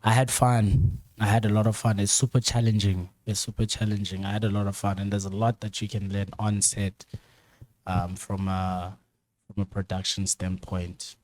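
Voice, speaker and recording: A man's voice: fairly low pitch, level tone, normal speed, a little mellow. A man, a guest on a casual chat show, talking emphatically in slang and often repeating or restarting his phrases. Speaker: guest, camera operator.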